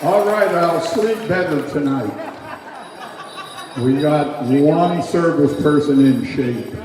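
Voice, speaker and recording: A man working as a powwow master of ceremonies, announcing casually in an informal, halting, folksy way. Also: on the high side, a crowd in the background. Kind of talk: casual live event announcing. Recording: very echoey hall PA, music behind, distant.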